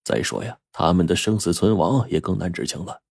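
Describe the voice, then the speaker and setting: A man voicing a kindly, gentle old ferryman with a soothing way of speaking. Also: low voice, sing-song, a little fast, vocal fry, slightly rough, no echo, studio quality, full character voice. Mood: thoughtful.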